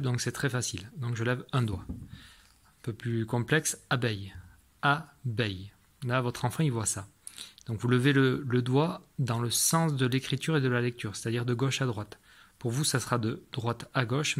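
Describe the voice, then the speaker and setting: A male primary school teacher with a medium-pitched voice patiently walks parents through a homework routine from his classroom, using many fillers and frequently restarting his sentences.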